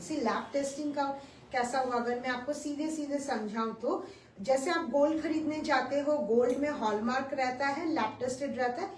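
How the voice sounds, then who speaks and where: On a live stream, a woman sells sarees in a slow, enthusiastic voice that sits on the high side. She mixes English and Hindi and keeps repeating her key points through the sales pitch. The mic is distant, so her voice sounds off-mic in an echoey room with faint background noise.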